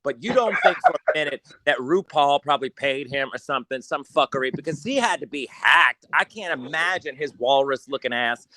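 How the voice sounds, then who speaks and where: A man's voice: medium pitch, lively intonation, fairly quick, few pauses, pushed and bright, slight background noise. A man co-hosting a podcast in casual chat, brash, crude and sarcastic, laughing often. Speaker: podcast co-host.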